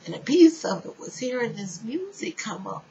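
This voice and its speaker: A woman giving an earnest personal spiritual testimony, speaking straight to her listeners and dropping now and then to a soft whisper. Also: a little high, sing-song, normal speed, gravelly. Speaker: spiritual storyteller. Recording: dull lo-fi sound with faint noise.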